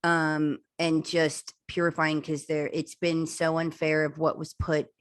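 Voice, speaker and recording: A woman's voice: deep voice, level tone, unhurried, no echo. A woman guest speaker talking earnestly and chattily on a video call, with many "um"s and "like"s. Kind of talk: casual video-call chat.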